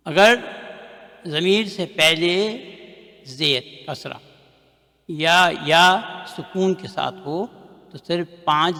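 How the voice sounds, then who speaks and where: A man teaching Arabic grammar in a recorded lecture, explaining in a measured way and loudly chanting word lists in a steady rhythm. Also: a little high, gravelly, long reverb tail. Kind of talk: recorded lecture with recitation drills.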